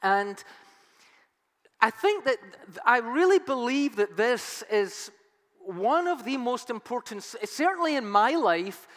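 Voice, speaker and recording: A pastor with a very high, fairly bright voice preaches slowly but with great animation, his voice strained to near breaking. He chats and jokes at his own expense, his words ringing through a church hall with long reverb and faint music.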